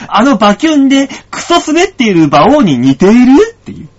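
A man hosting a radio show as a comedian, telling a story in casual chat and acting out the dialogue. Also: extremely high pitch. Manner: animated storytelling, acts out dialogue. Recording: dull lo-fi sound.

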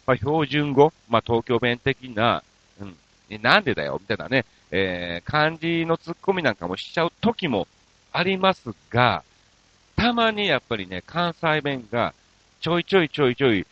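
A man's voice: medium pitch, sing-song, normal speed, a bit bright, no room sound, dull audio. A man hosting a radio show, chatting casually and joking at his own expense, mixing Kansai dialect with standard Tokyo speech. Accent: Kansai mixed with standard Tokyo speech. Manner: playful, self-mocking comic banter. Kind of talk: casual radio talk reading listener mail.

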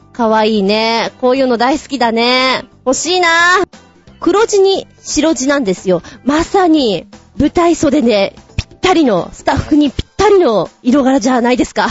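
A woman hosting a radio show, chatting casually and giggling between quick asides while she reads listener messages. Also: high voice, a little mellow. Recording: muffled lo-fi with faint music.

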